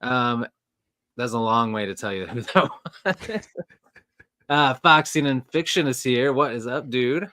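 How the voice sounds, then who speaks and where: A man's voice: medium pitch, animated, unhurried, pauses often, bright, forceful tone, no echo, clean studio sound. Chatty, rambling man hosting a live chat. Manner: chatty, rambling, laughs often. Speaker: host. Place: storage room next to a furnace.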